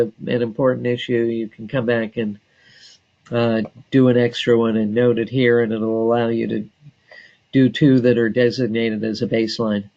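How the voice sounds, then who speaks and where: A man training staff on database software, talking slowly and deliberately with frequent filler pauses. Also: mid-range voice, dull audio. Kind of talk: screen-share software tutorial.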